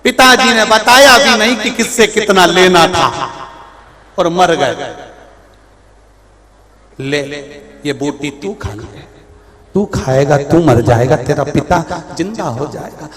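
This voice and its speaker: A man voicing a sly old male guru who gives quick, commanding orders in a religious storytelling talk. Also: high voice, animated, a crowd in the background. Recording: echoey hall with music behind.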